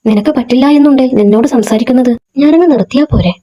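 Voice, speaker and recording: A woman reading as a jealous young woman with a sharp tongue, curt and demanding. The tone is mellow and slightly husky, sitting fairly high. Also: quick pace. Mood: angry.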